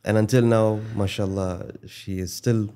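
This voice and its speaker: Deep mellow guy in his 40s, guest on a podcast, slow careful answers. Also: fairly even intonation. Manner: measured, recalls with hedges. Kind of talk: conversational interview. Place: studio set with desk. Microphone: desk boom mic.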